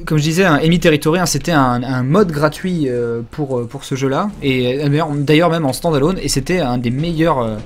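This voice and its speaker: A man's voice: on the high side, brisk, few pauses. A man giving casual live commentary while playing a video game, rambling and crude, joking with many fillers. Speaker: game streamer.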